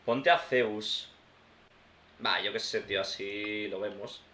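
A man's voice: lowish voice, slow pace, pushed and bright. A man from giving casual let's-play commentary, thinking aloud and talking to his viewers like friends. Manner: chatty, thinks aloud, addresses viewers as "tío" and "hermanos". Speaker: gaming YouTuber. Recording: roomy sound with faint background noise.

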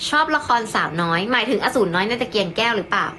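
A woman's voice: mid-range voice, fast, bright, forceful tone, a little hiss or hum, poor audio. A young woman from Thailand chatting casually on a phone live stream, thanking viewers and cooing affectionately over her cats.

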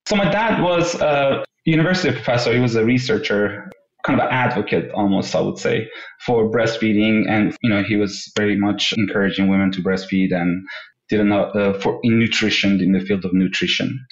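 A man's voice: fairly low pitch, brisk. A man in his thirties from Iran, a guest speaking earnestly in a casual interview, often saying "you know". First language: Persian. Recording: roomy, dull lo-fi remote line.

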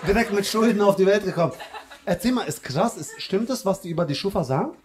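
A male stand-up comedian doing teasing, loud crowd work in a live club, with a slang manner. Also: high-pitched, lively intonation. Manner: teasing, loud, fast banter with slang fillers. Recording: live room with crowd laughter. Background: audience laughter.

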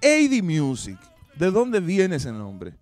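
A young man with a Dominican accent hosting a TV interview, lively and full of cheering interjections. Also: a little high, takes it slowly, faint music behind. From Dominican Republic. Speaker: TV host. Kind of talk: casual interview chat. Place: TV studio with green backdrop. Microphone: handheld mic.

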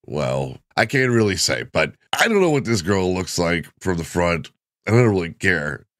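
A man's voice: low voice, sing-song, normal speed, fairly bright tone. A middle-aged man giving casual comedic reaction commentary, trying not to laugh and chuckling mid-sentence. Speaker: host of a reaction video show.

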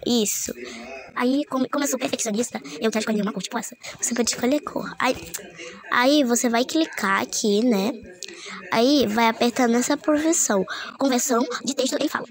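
A woman's voice: on the high side, fairly quick. A woman giving a casual, chatty app tutorial, full of fillers and little detours. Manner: chatty, meandering, lots of fillers. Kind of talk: casual screen-recorded tutorial.

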